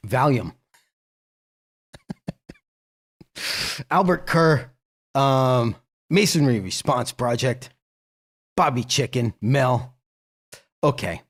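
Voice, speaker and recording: A man hosting a casual livestream, reading out viewers' names and thanking them, rambling and laughing as he goes and swearing casually. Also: medium pitch. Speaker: livestream host.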